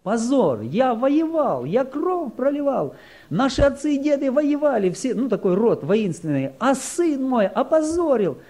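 A man's voice: very high voice, very animated, dark tone, voice pushed up, exaggerated voice. A man voicing a proud veteran father who angrily denounces his son's choice. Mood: outraged. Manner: outraged, emphatic, slow.

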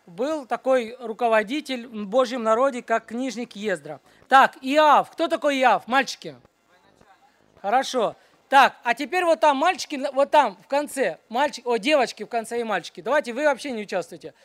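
A woman teaching at a children's church, running a brisk Bible quiz and then a short sermon, and she keeps hushing the noisy group. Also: fairly high pitch, no room sound.

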